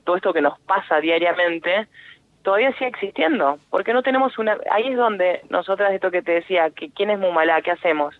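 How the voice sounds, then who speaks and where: A woman with an Argentine accent, a guest activist speaking earnestly on a phone interview, halting often with fillers and restarts. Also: fairly low pitch. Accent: Argentine Spanish. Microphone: telephone. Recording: tinny phone line.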